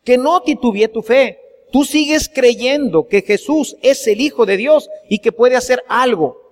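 A man's voice: extremely high pitch, unhurried, in a large hall. A priest preaching a sermon to his congregation, earnest and full of rhetorical questions.

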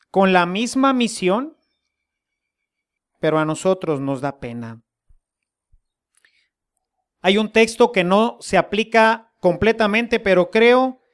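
Slow folksy Mexican preacher. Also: medium pitch, clear, resonant tone. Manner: folksy, humorous, rhetorical questions. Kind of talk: sermon.

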